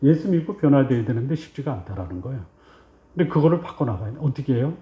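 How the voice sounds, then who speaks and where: A man's voice: medium pitch, animated, fast. A male pastor giving a Sunday sermon. He asks the congregation questions and answers them himself, and he acts out short exchanges between God and a believer. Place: church sanctuary. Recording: roomy, slightly dull church recording.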